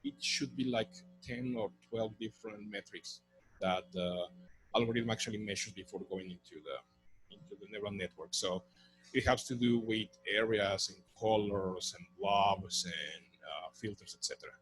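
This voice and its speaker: Low-voiced man answering questions. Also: moderate pace, fairly bright tone, faint music behind, low-quality recording. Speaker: conference presenter.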